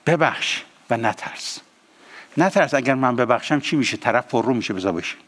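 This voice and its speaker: A man's voice: mid-range voice, lively intonation, a bit bright, long reverb tail. A male pastor preaching and praying, with emphatic, repeated exhortations. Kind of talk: sermon and prayer.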